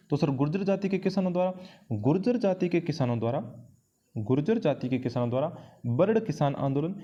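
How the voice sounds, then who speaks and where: Going through quiz questions in a history exam-prep lesson, a male teacher explains the material and repeats important phrases to drive them home. He has a medium-pitched, dark-toned voice, picked up by a dull lo-fi mic.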